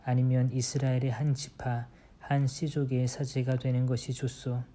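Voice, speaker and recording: Stern armed tribesmen issue their commands, read out by a priest in his own voice. The voice is very dark and flat. He reads their lines slightly lower and quieter than the narration. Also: moderate pace, lightly acted. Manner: quoted lines read plainly, lower and softer. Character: armed male tribesmen, threatening.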